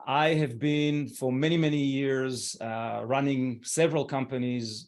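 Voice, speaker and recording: Over a video call, an Israeli webinar host in his forties speaks in a mid-range voice. He's gentle and encouraging, and his speech is full of fillers.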